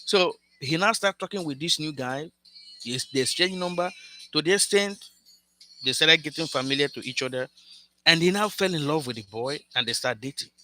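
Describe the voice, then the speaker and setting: A man's voice: a little high, moderate pace, bright, forceful tone, slight background noise. A man telling a cautionary love story to camera in an earnest, lecturing way, speaking straight to his viewers and often restarting his words. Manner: frequent restarts and repeated words. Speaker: vlogger giving relationship advice.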